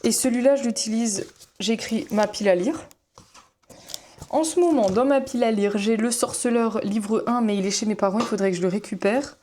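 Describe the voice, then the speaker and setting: Chatty young woman with a mellow voice. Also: a little high, normal speed, a little hiss or hum. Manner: chatty and rambling, with many fillers and self-corrections. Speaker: student vlogger. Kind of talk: casual chat while flipping through notebooks.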